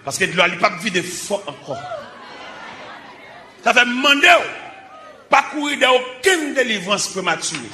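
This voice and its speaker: Shouting Haitian preacher man, echoey church. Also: very high-pitched, sing-song, normal speed, pauses often, crowd noise. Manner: fervent, shouted preaching in short bursts. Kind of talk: sermon. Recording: echoey church with congregation and noise.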